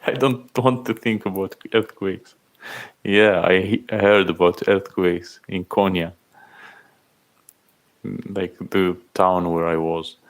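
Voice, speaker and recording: A man in his thirties from Algeria, chatting casually on a livestream, reading out and thanking viewers' comments in halting speech. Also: low-pitched, fairly even intonation. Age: 30s. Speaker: livestream host. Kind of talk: casual live-stream chat.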